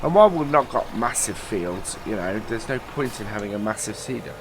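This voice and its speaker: With a lowish, animated voice and a slightly fast pace, a man who runs a gaming channel rambles through let's-play commentary while nasal and stuffy from a cold. He's chatty and full of "uh" fillers, and the background is noisy.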